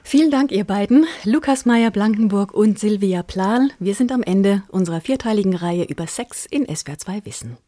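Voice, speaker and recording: A woman hosting a radio discussion, moderating in a measured, conversational way. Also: mid-range voice, lively intonation, warm tone. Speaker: radio show host.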